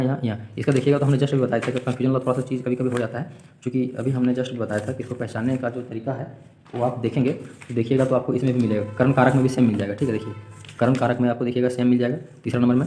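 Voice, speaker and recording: A man's voice: medium pitch, mellow. A man teaching a grammar lesson for exam preparation, explaining step by step, repeating examples and asking rhetorical questions.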